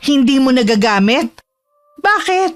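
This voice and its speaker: A woman voicing a smooth-talking, sinister female doctor who reassures and coaxes her patient. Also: high-pitched, very animated, unhurried, no room sound, soft background music. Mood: coaxing. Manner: reassuring, coaxing, defensive. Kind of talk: audio drama acting.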